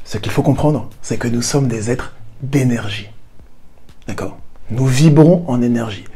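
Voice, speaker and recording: A man's voice: medium pitch, measured pace, dark tone, slightly rough. A man hosting a personal growth channel, explaining ideas straight to the viewer and repeating key points for emphasis. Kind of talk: explanatory talk to camera.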